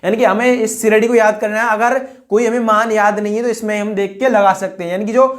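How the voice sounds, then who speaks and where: A woman's voice: medium pitch, level tone, quick pace. A woman teaching a chemistry exam-prep lecture who keeps asking rhetorical questions, repeating each answer and padding her sentences with "I mean" and "that is". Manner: fills speech with 'I mean' and 'that is'.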